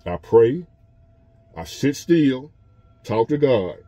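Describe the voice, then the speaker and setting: Speaking slowly but with great animation, a fiftyish man talks to his phone camera from a parked truck, repeating himself earnestly like a casual motivational preacher. His tone is warm and medium-pitched, recorded dry.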